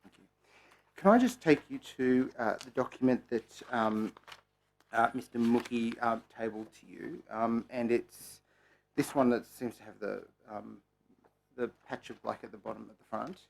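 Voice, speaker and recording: Halting Australian man with a gravelly voice. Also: mid-range voice. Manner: halting, many ums, polite. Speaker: committee member questioning a witness. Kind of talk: formal parliamentary questioning.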